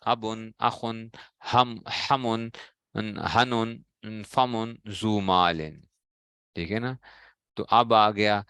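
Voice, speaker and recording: A man with a Pakistani Urdu accent leads a grammar class, asking a question and then giving the answer himself. He speaks slowly in a smooth, low voice. The sound is close and dry. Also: steady tone, fairly bright tone, no echo. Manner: drills students with repeated questions and answers. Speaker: teacher of Arabic grammar. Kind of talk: classroom lecture.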